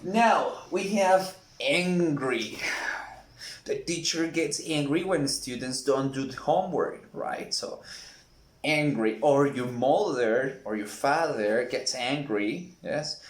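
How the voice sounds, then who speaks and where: A man teaching English vocabulary in a lesson, acting out each example in an animated way. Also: medium pitch. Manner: slow, animated, acts out examples. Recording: echoey room.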